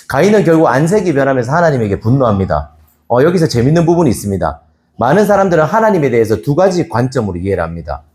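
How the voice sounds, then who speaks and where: A male pastor preaches a Sunday sermon. His pitch rises and falls a lot as he asks the congregation questions. He sometimes acts out a scolding voice. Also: a little mellow.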